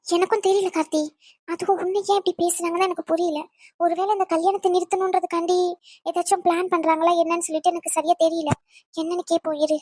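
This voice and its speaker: A woman's voice: very high-pitched, level tone, fast talker, a little mellow, no room sound, clean studio sound. A woman voicing a young bride in a cartoon drama who stands up to her aunt. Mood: confused. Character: young bride, anxious but firm.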